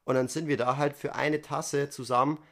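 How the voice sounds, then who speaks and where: A man's voice: level tone, moderate pace. A young man, co-hosting a casual podcast chat and telling a story, briefly acting out other people's lines. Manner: storytelling, acts out quotes in a high squeaky voice. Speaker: podcast co-host.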